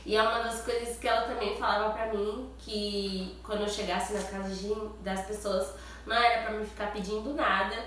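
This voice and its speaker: Talking casually to her viewers, this Brazilian vlogger speaks at a normal speed in a level, somewhat bright, medium-pitched voice, stuffed up and nasal from a cold, often tossing in tag questions. Her accent is Brazilian Portuguese. She sits far from the mic in a very echoey room, with slight background noise.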